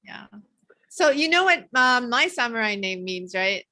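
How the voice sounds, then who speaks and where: A woman hosting a casual podcast interview, eager and quick to laugh. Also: fairly high pitch, big pitch swings, bright, forceful tone, no echo. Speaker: podcast host.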